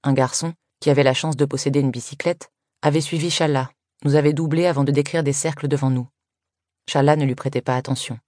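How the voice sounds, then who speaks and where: A woman reading a first-person story aloud in an even, measured way. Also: rumbling low, dry recording, clean studio sound. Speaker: audiobook reader. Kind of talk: scripted first-person narration.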